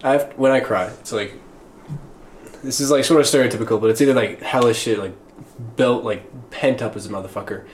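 A man's voice: medium pitch, a little fast. Laid-back young man, slangy, roomy sound. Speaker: podcast co-host. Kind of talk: casual chat. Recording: roomy room with faint background noise.

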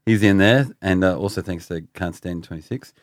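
Joking and self-mocking, this Australian man co-hosts a laid-back podcast conversation. His low voice moves at a brisk clip, and the studio-quality audio has no echo.

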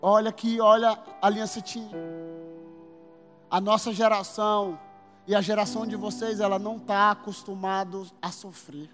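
A man preaching a sermon as pastor, emphatic and building to shouts. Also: high voice, little pitch movement, moderate pace. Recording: long hall reverb with faint music.

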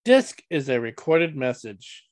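A man hosting a casual podcast chat, reading corny knock-knock jokes with a deadpan, playful delivery. His voice sits at a middling pitch and sounds dry and close, with no room around it. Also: measured pace, no echo. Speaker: podcast host.

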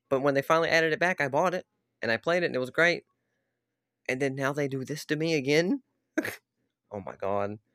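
A man's voice: mid-range voice, dry recording, studio quality. A man delivering a casual, rambling rant about video games, swearing often and laughing at himself. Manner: swearing, animated, self-deprecating, laughs often. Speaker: YouTuber ranting about games.

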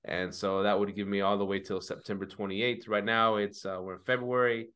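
A man in his forties, chatting casually as a podcast co-host. His voice is low and bright, and he has a forceful edge. He rambles a little and laughs often. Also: little pitch movement, brisk, smooth. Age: 40s. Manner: laughs easily, hesitant, rambling. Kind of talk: casual chat.

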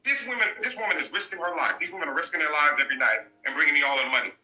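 Male guest, bright forceful voice, blunt and emphatic, roomy echo. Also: a little high, rapid-fire. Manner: blunt, emphatic, repeats key points. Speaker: interview guest. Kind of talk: candid storytelling.

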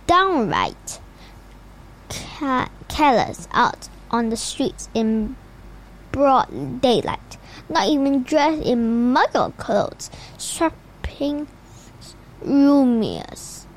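A prickly, stern woman professor, as a woman reads her lines from a storybook. The reading is slow and stumbling, with frequent restarts. The high voice moves widely up and down. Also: full character voice. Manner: halting read-aloud with slips. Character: stern middle-aged woman professor, irritable.

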